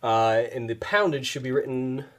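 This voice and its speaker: A man's voice: medium pitch, moderate pace. A man, co-hosting a casual podcast chat, joking and laughing often. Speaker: podcast co-host.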